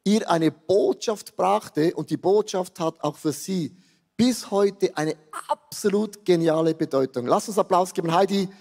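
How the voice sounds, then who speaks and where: A man in his fifties with a Swiss German accent preaching a sermon, animated and joking, dropping to quiet asides and rising to exclamations. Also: sits high, unhurried, vocal fry. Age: 50s. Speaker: pastor. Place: large church hall. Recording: long hall reverb.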